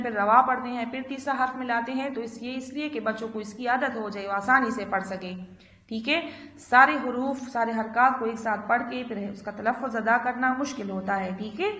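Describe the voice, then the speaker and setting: A woman teacher with a Pakistani Urdu accent gives a recorded reading lesson for young children. She spells out syllables slowly and drills them, then rushes through her short explanations. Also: a little high, fairly bright tone. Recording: echoey room.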